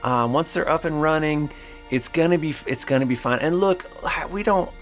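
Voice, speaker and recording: Man playing a flustered, placating town leader, higher-pitched. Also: soft background music, natural voice. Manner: halting, placating, stammering. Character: flustered, apologetic male town leader defending a compromise. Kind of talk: improvised tabletop role-play.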